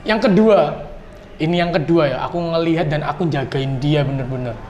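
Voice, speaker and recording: A man's voice: fairly high pitch, fairly quick, muffled recording. Chatty man, echoey room. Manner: animated storyteller, repeats words. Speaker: podcast host. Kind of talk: casual chat. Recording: echoey room with light noise.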